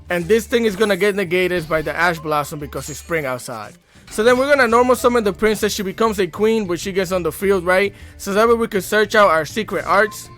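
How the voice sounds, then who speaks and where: A young man giving casual, excitable gameplay commentary as a YouTuber, full of slang and talking straight to his viewers. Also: sits high. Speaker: gaming YouTuber.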